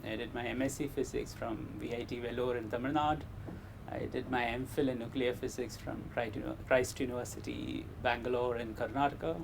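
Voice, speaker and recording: A man with a polished, educated Indian accent speaks in a measured, modest way, as an interview guest would. His mid-pitched voice has a marked creak at the edges. There is faint noise behind him. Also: steady tone. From Kerala, India. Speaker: interview guest, meteor scientist. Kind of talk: interview answers, personal career story.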